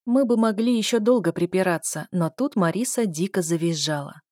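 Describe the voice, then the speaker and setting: Lively woman narrating an audiobook. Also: lowish voice, moderate pace, no echo, studio quality. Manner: lively first-person storytelling with voiced dialogue.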